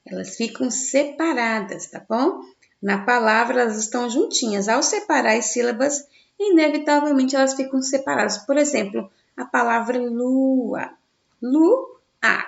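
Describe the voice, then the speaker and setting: A woman teacher giving a recorded grammar lesson for children in Brazilian Portuguese, sounding out stressed syllables slowly and answering her own questions. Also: on the high side, gravelly. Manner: slow, stressed syllables when sounding out words; asks the class questions and answers them herself. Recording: dull, echoey room.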